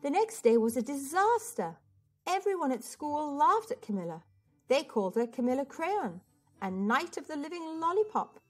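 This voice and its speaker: Expressive, high-voiced woman storyteller. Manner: expressive, deliberate. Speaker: storyteller, host. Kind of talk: children's picture book read-aloud. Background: music.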